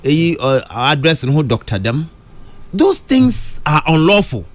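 A middle-aged Ghanaian man talking in a radio studio, mixing Twi and English, his pitch leaping up on questions. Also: sing-song, measured pace. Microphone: studio mic close to mouth.

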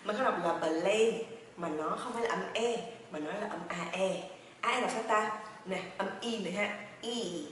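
A woman teaching a pronunciation lesson, chatty and encouraging, drilling words by repeating them slowly and then quickly. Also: mid-range voice, fairly bright tone. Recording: echoey room, heard from a distance, faint noise.

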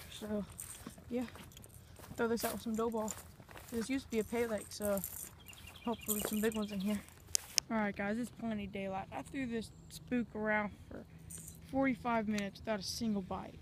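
A woman talks casually into a handheld phone while fishing outdoors, rambling to her viewers in a slightly high voice. Faint nature noise sits behind her speech. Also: darkish tone. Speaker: fishing vlogger. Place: outdoors at a pond bank.

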